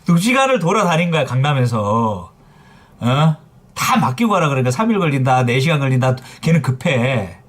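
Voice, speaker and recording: Very animated at a moderate pace, this middle-aged phone repair shop owner streams live and vents through heated anecdotes. He's blunt and profane, with a medium-pitched voice.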